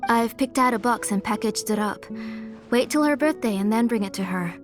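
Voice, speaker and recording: A woman's voice: on the high side, moderate pace, close to an everyday voice. A woman playing an earnest, devoted auntie who blames herself, in a video game. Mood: apologetic. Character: earnest, self-blaming, devoted older auntie. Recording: music behind the voice.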